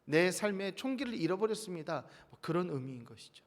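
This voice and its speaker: Man, pastor, early-morning sermon, earnest, high voice, long church echo. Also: big pitch swings, brisk. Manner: earnest, reads scripture aloud in a rising voice. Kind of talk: dawn sermon. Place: church sanctuary.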